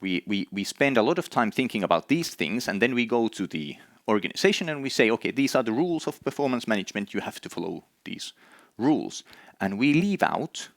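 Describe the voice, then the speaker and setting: A man's voice: mid-range voice, big pitch swings, fairly quick, dry recording, studio quality. A middle-aged man from Finland with a Finnish accent, giving an earnest conference presentation with many hesitations. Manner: earnest, with frequent "uh" hesitations and repeated words. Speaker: conference speaker. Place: conference hall.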